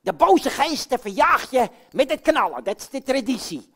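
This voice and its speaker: A woman's voice: sits high, sing-song, normal speed, fairly bright tone, husky, full character voice. A woman voicing a boisterous male puppet character in a children's puppet show, chatty and blustery, talking to the children. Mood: coaxing. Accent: Dutch. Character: Jan Klaassen, boisterous male puppet man.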